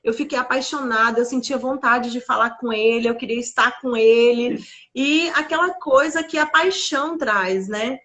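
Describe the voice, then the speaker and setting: Uma mulher dando um testemunho pessoal emocionado, falando com sinceridade e muitos "assim" e "né". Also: female voice, on the high side, moderate pace, fairly bright tone. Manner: earnest, many fillers like "assim" and "né". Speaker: guest sharing her testimony. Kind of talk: emotional personal testimony.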